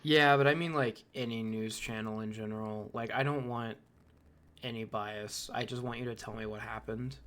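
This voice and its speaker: A man with a mid-range voice talks as a podcast co-host. He rants with animated opinions, swears often and speaks in a loose, casual way. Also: medium pitch, normal speed. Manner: animated, ranting, swears freely. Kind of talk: casual chat.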